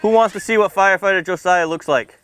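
Outdoors under a tent canopy beside a building, a male firefighter gives a simple, interactive safety talk to a small seated audience of children. His voice is high, fast, fairly bright and smooth, and he uses playful language, teasing, frequent questions, and check-ins like "okay" and "right."

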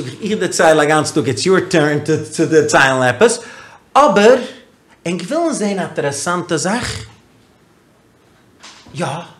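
A man talking as a podcast guest, telling a story in a casual, animated way and asking a lot of rhetorical questions. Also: sits high. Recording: roomy echo.

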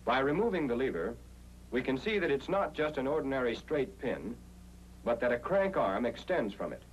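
A mid-range American male voice with big pitch swings, at normal speed, narrates military training in a deliberate, step-by-step 1940s manner. Noise and hum fill the old film soundtrack.

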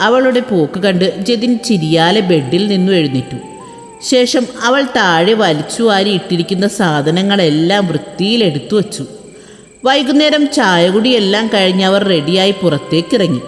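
A woman storyteller reading a romantic story aloud in a steady, even scripted narration. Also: medium pitch, moderate pace. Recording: echoey room with soft background music.

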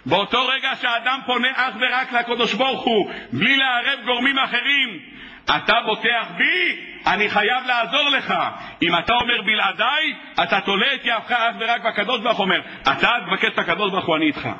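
A man's voice: very high voice, pushed and bright, poor audio. A man preaching a sermon as a rabbi, in an impassioned way that acts out the dialogue he quotes. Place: synagogue or hall.

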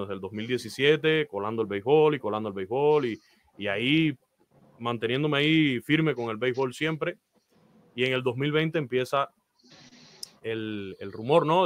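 Speaking from a small indoor room, a baseball announcer from Cuba, a man in his thirties, earnestly recounts his career and offers advice as an interview guest on a video call. He has a Cuban Spanish accent, says "eh" often, and his lowish voice has a fairly bright tone.

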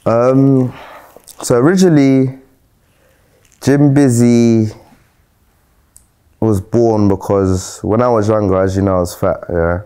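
A man's voice: medium pitch, steady tone, takes it slowly, long pauses, warm tone, smooth. A man in his thirties with a South London accent, telling his story in a laid-back, jokey way with slang during a casual podcast interview. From South London, England. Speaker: fitness coach and brand co-founder. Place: bright studio lounge set.

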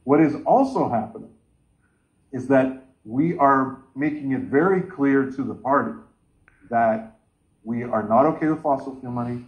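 Brief: man in his 40s, chairing a video call, medium pitch, dull lo-fi laptop sound. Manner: earnest, gesturing with both hands. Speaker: caucus meeting chair. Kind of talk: online meeting remarks. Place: home room with bookshelves.

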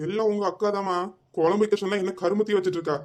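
A man's voice: high voice, fairly even intonation, very fast, darkish tone, close to an everyday voice. A man voicing a scolding, complaining middle-aged village husband in a cartoon comedy, with a Kanyakumari Tamil accent.

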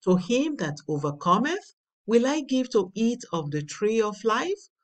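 A woman slowly reading a daily devotional with scripture passages, deliberate and emphatic. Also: a little high, big pitch swings, recorded from a distance. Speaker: devotional reader. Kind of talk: slow read devotional with scripture.

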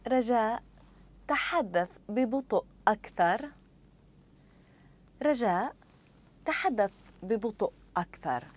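A woman speaking set phrases for a language lesson, saying each one twice in a careful, deliberate way. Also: a little high, expressive. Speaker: model speaker for phrase repetition. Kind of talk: scripted phrase drills.

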